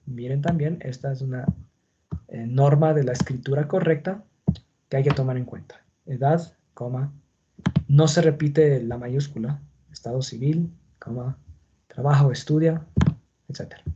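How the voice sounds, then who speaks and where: A man's voice: mid-range voice, moderate pace, lo-fi sound, noisy background. A man teaching a class on punctuation, explaining patiently and checking in with his students. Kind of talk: online class on Spanish punctuation.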